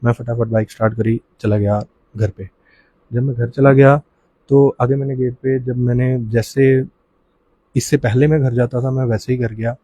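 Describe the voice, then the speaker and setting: Husky dark-voiced man. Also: medium pitch, little pitch movement, dry recording. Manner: halting, with restarts, often addresses the listener as sir. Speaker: relative of the deceased, interviewee. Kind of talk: emotional first-hand account.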